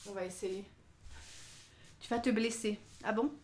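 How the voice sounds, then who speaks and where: A woman's voice: mid-range voice, steady tone, a little slow, a little mellow, a little hiss or hum. A young woman streaming live while she cooks, chatting casually, joking at her own expense and laughing often. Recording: roomy kitchen with faint clatter.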